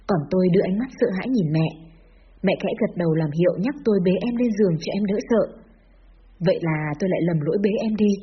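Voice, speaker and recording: A woman reading a dramatic first-person story aloud as a storyteller, voicing the quoted dialogue lightly. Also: medium pitch. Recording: slightly dull lo-fi audio with faint noise.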